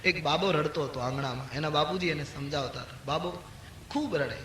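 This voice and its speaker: An older man giving a devotional discourse, rising sharply for emphasis and dropping low to tell stories. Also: a little fast, pushed and bright, slight background noise. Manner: rises sharply for emphasis, drops low for storytelling. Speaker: spiritual storyteller. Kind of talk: devotional discourse with chanted verse. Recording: echoey hall with faint ambience.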